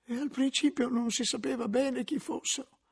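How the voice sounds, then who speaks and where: A man's voice: extremely high pitch, fairly even intonation, normal speed, vocal fry, husky, voice pushed up, exaggerated voice. A man reading an audiobook aloud, voicing a frightened male monk who stammers his answers under interrogation. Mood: fearful. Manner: stammering, fearful, quiet.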